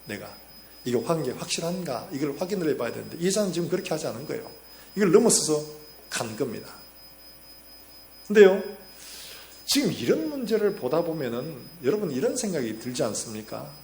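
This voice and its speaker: A man, a pastor preaching a sermon in a church. He tells stories and acts out the quotes, getting louder and softer as he goes. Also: on the high side, very animated, fairly quick, gravelly. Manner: storytelling with acted-out quotes, rising and falling loudness. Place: church sanctuary. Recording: echoey church hall with faint hum.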